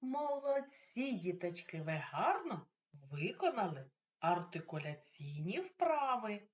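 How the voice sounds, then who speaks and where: A woman's voice: medium pitch, sing-song, takes it slowly. A woman preschool teacher leading a speech lesson for small children, speaking with careful, exaggerated articulation and coaxing praise. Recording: dull lo-fi recording.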